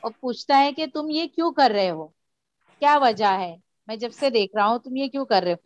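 A woman's voice: fairly high pitch, expressive, moderate pace, dry recording, highs cut off. A woman teacher explaining a story to a class, patiently repeating and mixing in English. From India. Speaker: school teacher.

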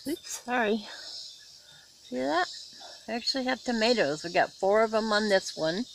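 A woman giving a casual, unhurried tour of her backyard garden, filming with a handheld camera outdoors and talking with many fillers and pauses. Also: on the high side, animated, creaky, noisy background. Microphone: handheld camera, filming as she walks. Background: faint insects and outdoor ambience.

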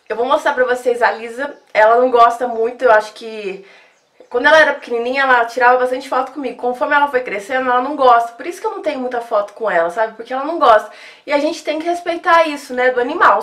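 A high-voiced young woman records a casual vlog on her phone. She speaks softly and sadly, straight to the people watching. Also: fast talker. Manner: talks straight to viewers, soft and sad. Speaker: vlogger.

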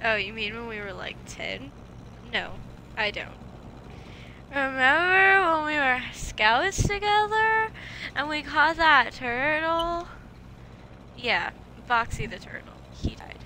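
A woman voicing a tired, blunt young female crocodile in a game, with a flat, low, cutting delivery. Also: takes it slowly, a little hiss or hum, exaggerated voice, poor audio.

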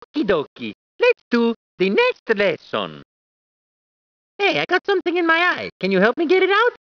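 A man gives a full character voice as a cheerful, clowning cartoon plumber in a video game, squealing and laughing in a put-on Italian accent. His pitch is extremely high and swings hugely, at a moderate pace. The tone is playful and the plumber jokey, eager and bouncy, heard in dull, dry game audio.

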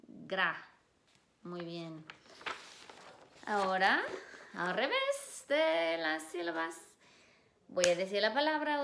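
Woman teacher drilling syllables with kids, super slow and careful, each word spaced out. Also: medium pitch, creaky, fairly bright tone, a little hiss or hum. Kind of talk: phonemic awareness drill for children.

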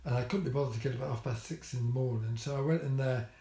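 This older man talks fast in a medium-pitched, dark-toned voice while vlogging casually about a hospital visit. Recorded in an echoey room, he mixes dry humour with frequent ums and false starts.

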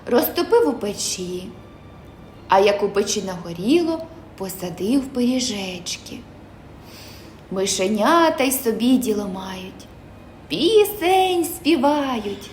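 A woman gently and expressively reading a fairy tale aloud for children. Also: on the high side, echoey room, a little hiss or hum. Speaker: storyteller.

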